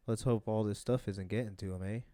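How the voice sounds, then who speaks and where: A man's voice: lowish voice, fairly even intonation, fairly quick, dark tone, dry recording, clean studio sound. A young man co-hosting a podcast, chatting casually about fights in a rambling way, full of fillers and restarts. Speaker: podcast co-host.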